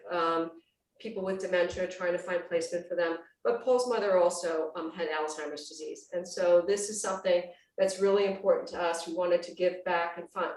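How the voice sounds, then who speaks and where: Chatty woman hosting from a roomy, distant mic. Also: fairly low pitch. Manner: chatty, informal, exclamatory. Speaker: host of an online cooking class. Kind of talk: casual livestreamed cooking demonstration chat. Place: indoors at home, on a video call. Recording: roomy, distant-mic video-call sound.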